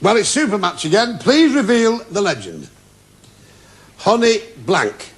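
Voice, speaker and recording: A man's voice: high-pitched, wildly swooping pitch, a little slow. Jokey pun-cracking man hosting a game show. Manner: jokey, punning, teasing contestants. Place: TV studio with a live audience. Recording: loud audience and noisy broadcast sound.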